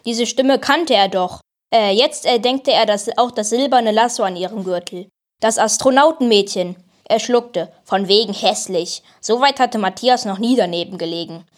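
Woman, storybook reading, plain, hesitant asides, medium pitch. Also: moderate pace. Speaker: reader. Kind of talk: reading a children's book aloud.

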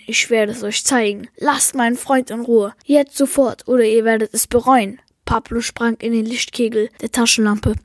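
A woman with a fairly high voice reads a children's adventure aloud, lively and clear. The sound is dry and close, with no room around it. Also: dry recording. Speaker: book podcast host and reader. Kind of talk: reading a children's book aloud.

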